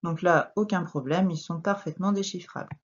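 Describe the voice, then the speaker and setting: A woman teaching French children to read, dictating words slowly syllable by syllable with lively emphasis. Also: lowish voice, husky. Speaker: primary school teacher. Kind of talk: reading lesson for young children. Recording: dull lo-fi recording.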